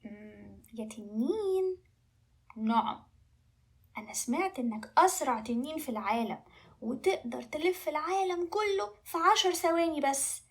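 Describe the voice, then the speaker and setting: A woman's voice: high-pitched, animated, moderate pace. A woman with an Egyptian Arabic accent voicing a clever, brave young princess in a children's story. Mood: coaxing. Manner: sweet and coaxing, then firm.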